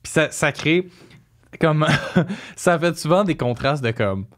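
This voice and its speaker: A man's voice: fairly high pitch, lively intonation, slow. Young Quebec French man chatting casually. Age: young adult. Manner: slangy, mixing in English phrases. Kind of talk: casual chat.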